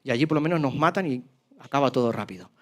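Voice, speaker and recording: A pastor from preaching a sermon, telling a story dramatically in a voice that swings between loud and soft. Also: male voice, medium pitch, animated, racing. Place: church.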